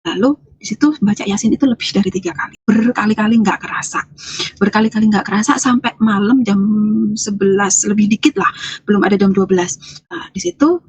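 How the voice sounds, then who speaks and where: Interview guest, woman from Lampung: breathy tone, emotional first-person testimony with many restarts. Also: medium pitch, a little fast, no echo. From Lampung, Indonesia. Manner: hesitant, restarts and repeats phrases often; earnest, emotional storytelling. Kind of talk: personal testimony, casual speech.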